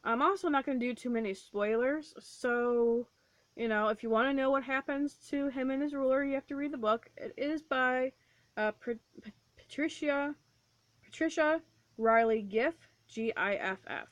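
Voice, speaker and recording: A woman's voice: high-pitched, moderate pace, no echo. A woman casually reviewing books on her vlog at home, chatty and rambling with lots of fillers and restarts. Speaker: book vlogger. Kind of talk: casual book review chat.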